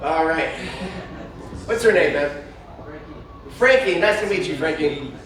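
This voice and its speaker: A man's voice: on the high side, expressive, a little slow, fairly bright tone. A man doing a stand-up comedy set on a brewery stage, rambling and self-deprecating, with constant fillers. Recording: echoey room heard from far off.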